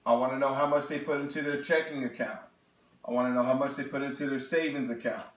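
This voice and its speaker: A man in his thirties giving a sales seminar presentation, animated and talking straight to the audience with frequent check-ins. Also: mid-range voice, quick pace. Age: 30s. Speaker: financial presenter. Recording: echoey room.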